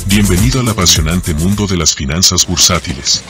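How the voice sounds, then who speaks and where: A middle-aged man giving a measured, scripted narration for a finance lesson. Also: deep voice, music in the background. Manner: measured, explanatory delivery. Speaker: finance teacher.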